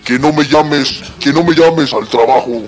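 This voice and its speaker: Playful comedy radio host. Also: male voice, fairly high pitch, a little slow. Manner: playful, laughing. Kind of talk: comedic skit radio show.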